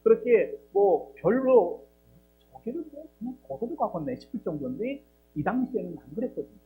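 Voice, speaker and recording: A man's voice: sits high, rough recording. A man preaching a sermon as pastor, acting out dialogue and asking rhetorical questions. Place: church.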